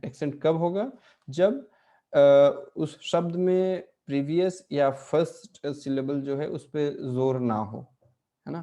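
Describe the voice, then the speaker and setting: Male teacher, mellow voice, patient explaining, checks in often. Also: a little high. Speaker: Portuguese language teacher. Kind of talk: online language lesson.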